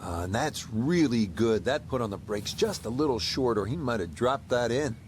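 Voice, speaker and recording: A man working as a golf commentator in a video game, calling play in measured, short broadcast phrases. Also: medium pitch, lively intonation, slight background noise, natural voice. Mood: measured, engaged. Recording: music behind the voice. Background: music.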